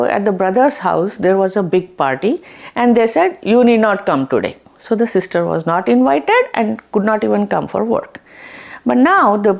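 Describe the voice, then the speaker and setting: A woman host telling a folk tale and explaining a ritual in a lively, conversational way. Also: medium pitch, vocal fry. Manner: animated, conversational storyteller. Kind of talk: storytelling and religious ritual instruction.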